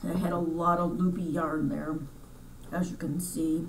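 A congested woman hosts her crochet channel in a chatty, rambling style, often stopping to correct herself. Her voice sits on the low side. She sounds set back from the mic, with a faint hiss underneath. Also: little pitch movement, measured pace, far from the mic, rough recording. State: congested from sinus trouble. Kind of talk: casual chat over store footage.

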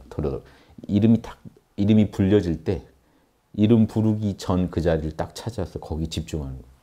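Guy w a low warm voice lecturing on meditation, earnest, keeps repeating himself. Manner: earnest, repetitive, rising emphasis on key words. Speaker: meditation teacher. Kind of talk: spiritual lecture.

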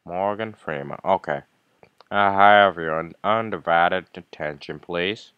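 A man's voice: low-pitched, measured pace, clear, resonant tone, dry recording, phone-quality sound. Brief: male let's play commentator, playful, rambling, dry close sound. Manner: rambling, playful, mumbled asides. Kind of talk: game commentary.

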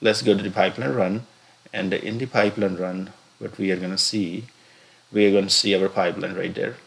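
Low gravelly man with halting delivery. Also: steady tone. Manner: halting, many filler "uh"s and restarts. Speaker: software tutorial instructor. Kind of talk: screen-recorded software walkthrough. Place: voice-over recorded separately from the pictured screen.

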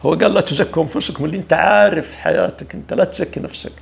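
A man giving an informal religious talk, preachy and lively, often acting out the voices of people he quotes. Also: fairly high pitch, rapid-fire, vocal fry. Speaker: religious speaker.

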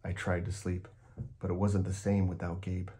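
In a deep voice, a man reads aloud from a children's picture book, delivering it with expressive, deliberate storytelling.

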